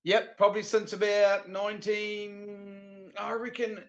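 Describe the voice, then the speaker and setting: A middle-aged veteran stock car driver from New Zealand's South Island chats casually as an interview guest, laid-back and slangy, in a broad Kiwi accent. His voice is high with a level tone and a measured pace. The call audio is dull and lo-fi.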